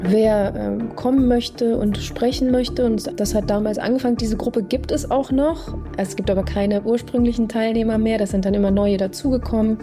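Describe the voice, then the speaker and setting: A woman psychotherapist, born in Iran, answering interview questions in a thoughtful, deliberate way, pausing to search for words. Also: a little high, fairly even intonation, over music. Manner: thoughtful, deliberate, with pauses and fillers.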